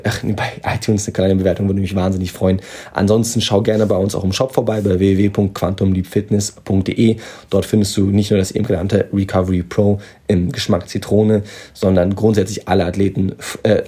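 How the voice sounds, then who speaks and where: A man hosting a fitness podcast in a plain-spoken, motivational way, recorded on poor low-quality audio while on vacation. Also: dark tone, breathy edge. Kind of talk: casual podcast monologue.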